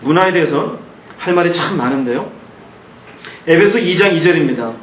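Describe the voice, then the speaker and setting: High-voiced Korean pastor in echoey sanctuary. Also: male voice, moderate pace, a little hiss or hum. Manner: animated preaching, acting out angry outbursts then dropping to hushed tones. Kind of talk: sermon. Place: church sanctuary.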